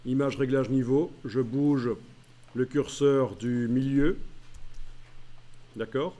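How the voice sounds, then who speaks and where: A man giving a screen-recorded software tutorial, calling out each menu step aloud with frequent hesitant pauses. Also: mid-range voice, fairly even intonation. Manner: walks through menu steps aloud, many "euh" pauses. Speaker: software trainer.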